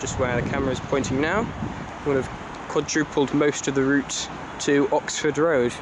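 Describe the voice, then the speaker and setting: A man's voice: mid-range voice, fairly even intonation, normal speed. A man giving matter-of-fact trainspotting vlog commentary at a railway station. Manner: matter-of-fact, reading out unit numbers. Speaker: trainspotting video host. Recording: loud station and train noise.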